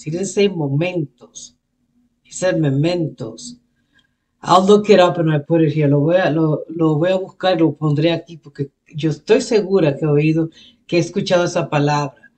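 Woman doing a rap reaction vlog, flips spanish and english, thinks out loud and corrects herself. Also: sits low, moderate pace. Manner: switches between Spanish and English, explaining lyrics; thinks aloud, restarts and self-corrects. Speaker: reaction video host. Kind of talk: casual reaction commentary.

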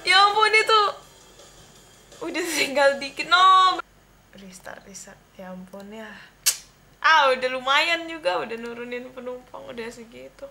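A young woman from the Jakarta area telling a rambling story while playing a game, often breaking off to react loudly to what happens on screen. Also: sits high, animated, unhurried, creaky. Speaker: gameplay commentator. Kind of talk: casual gameplay commentary and storytelling.

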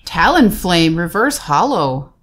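Slow-talking woman opening card packs. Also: fairly low pitch, sing-song, a bit bright, a little hiss or hum. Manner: chatty, names each card aloud, laughs easily. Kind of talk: casual unboxing chat.

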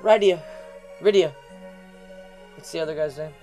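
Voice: mid-range voice, moderate pace, dark tone. A let's play commentator in casual game commentary, crude and jokey, swearing often. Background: faint game music.

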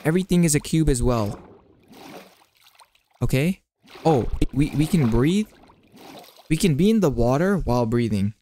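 A young man giving excitable, jumpy commentary while playing a video game and talking to his chat. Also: mid-range voice, a little slow, long pauses, slight background noise. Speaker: gaming streamer. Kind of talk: live gameplay commentary.

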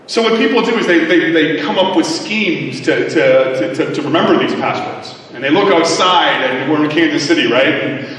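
A man giving a conference talk to a live audience, joking and tossing quick asides to the crowd. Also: fairly high pitch, animated, fairly bright tone. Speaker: conference speaker. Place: large conference hall. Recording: echoey hall from far off.

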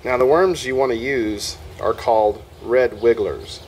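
A man's voice: mid-range voice, a little slow, darkish tone, a little hiss or hum. A man hosting a homestead video, talking casually through a hands-on demonstration outdoors in a yard, folksy and step by step. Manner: folksy, talks through each step while working.

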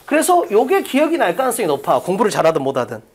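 A woman's voice: medium pitch, huge pitch swings, fast talker, a little mellow, slightly rough. A woman teaching an English exam-prep class live in a classroom, firing off rhetorical questions and bluntly pushing her students. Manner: blunt, teasing, occasionally crude. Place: classroom with blackboard.

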